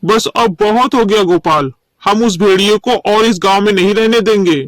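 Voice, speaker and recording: A man's voice: sits high, normal speed, heavy background noise, lightly acted. A man voicing a stern, worried village man in a cartoon story, who speaks in a firm, urging way. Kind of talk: cartoon voice acting.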